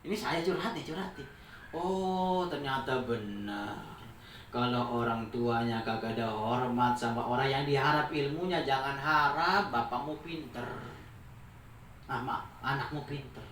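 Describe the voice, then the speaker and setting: A man preaching at a memorial gathering, telling lively stories with jokes and acting out dialogue. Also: medium pitch, measured pace. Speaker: Islamic preacher. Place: large room in a private home. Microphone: distant mic. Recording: roomy, distant mic, faint noise.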